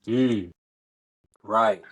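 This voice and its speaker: A man's voice: on the low side, drawn-out words, fairly bright tone, breathy edge. A man co-hosting a podcast, mostly giving short listening replies.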